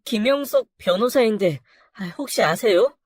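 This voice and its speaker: A storyteller voicing a wife who confronts her husband, raising the voice high and urgent. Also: expressive, moderate pace, dry recording, studio quality, natural voice. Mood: anxious. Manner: urgent, indignant. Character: shocked, betrayed wife.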